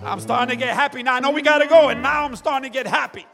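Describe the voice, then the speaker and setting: A middle-aged man preaches a fervent sermon with a very high, rough-edged voice, crying out hallelujah over and over. His shouts ring through a long church reverb, with faint music playing under him. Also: racing. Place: church sanctuary.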